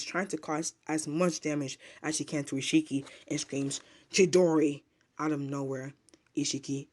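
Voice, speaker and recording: A man casually retelling a manga chapter as a reviewer, rambling with filler words and restarts. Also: medium pitch.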